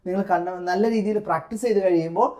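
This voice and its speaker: A man's voice: high voice, steady tone, racing, darkish tone. Malayali-accented man coaching an English test. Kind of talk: classroom-style lesson.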